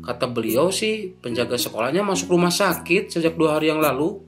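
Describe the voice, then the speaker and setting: A man's voice: fairly high pitch, lively intonation, a little fast, soft background music, close to an everyday voice. A man doing a bossy Sundanese village elder. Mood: scolding. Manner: scolding, commanding. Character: bossy middle-aged male village official. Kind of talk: motion comic voice acting.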